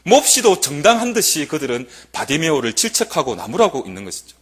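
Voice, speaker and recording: A young male preacher delivers a sermon in a church, his voice sitting high and leaping up and down in pitch. He swings between booming declarations and quiet, near-whispered asides. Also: wildly swooping pitch, quick pace. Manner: dramatic, swings from loud proclamation to hushed asides. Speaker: junior pastor.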